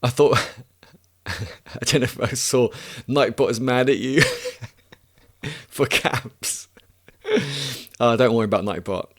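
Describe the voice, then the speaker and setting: A man's voice: medium pitch, slow, pauses often. A man in his thirties hosting a casual live stream, answering chat questions and thinking aloud with many restarts and self-mocking laughs.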